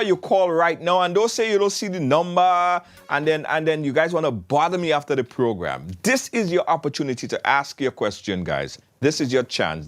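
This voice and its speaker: Animated male call-in show host. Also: fairly high pitch. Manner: animated, urging callers to phone in.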